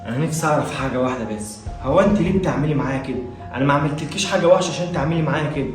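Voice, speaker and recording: A man with an Egyptian accent playing a tired, evasive father who stammers and speaks gently to his daughters, in a scripted web drama. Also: fairly high pitch, close to an everyday voice. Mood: weary. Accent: Egyptian Arabic. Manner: fast, hesitant stammers. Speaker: actor. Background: background music.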